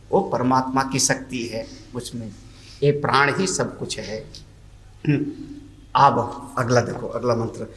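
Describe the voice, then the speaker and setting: A man, a swami, giving a sermon-style commentary on scripture, chanting Sanskrit verses slowly and then explaining them in homely Hindi. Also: mid-range voice, fairly bright tone, roomy sound.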